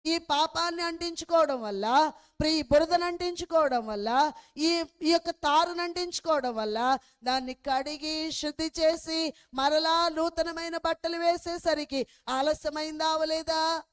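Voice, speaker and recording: A woman's voice: sits high, measured pace. A woman preacher telling a story in a sermon. She keeps asking her listeners questions and calls them beloved children of God. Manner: asks the listeners rhetorical questions.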